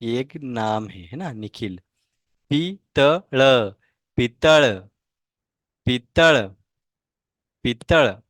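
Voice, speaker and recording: A man with a Marathi accent leads a language lesson, dragging out each word at a very slow, patient crawl and saying it several times over. His voice sits at a middle pitch. It sounds dry and close, with no room echo at all. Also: lively intonation, a bit bright. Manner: slow, drawn-out repetition of each word for students to copy. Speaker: language teacher. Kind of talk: online language lesson, reading words aloud.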